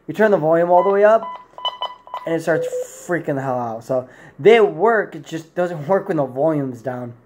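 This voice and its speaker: An expressive man in his 20s with a slightly high, slightly mellow voice reviews a product off the cuff at a moderate pace, with slight background noise. Talking casually to a camera in a plain indoor room, he rambles and corrects himself as he goes.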